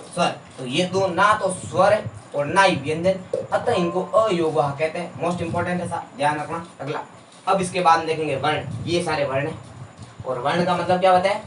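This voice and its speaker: A male teacher giving a classroom lecture, asking questions and answering them himself in a steady drill. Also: a little high, a little hiss or hum. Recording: echoey room, voice from a distance.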